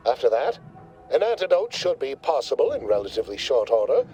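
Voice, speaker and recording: A man playing a pompous, lively corporate lab visionary. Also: mid-range voice, a little fast, faint music behind, natural voice, poor audio. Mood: smug. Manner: verbose, condescending corporate jargon. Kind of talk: video game dialogue.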